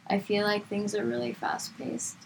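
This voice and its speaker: A young adult woman, a guest on a casual podcast chat, animated and laughing easily. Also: medium pitch, normal speed, a little hiss or hum, rough recording.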